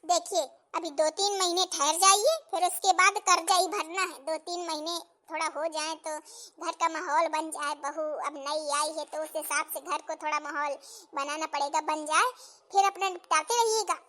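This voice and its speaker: A woman's voice: very high voice, fairly even intonation, normal speed, sharp tone. A woman voicing a fussy, caring middle-aged mother-in-law in a cartoon story. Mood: coaxing. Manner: coaxing, fussing. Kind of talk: cartoon voice acting.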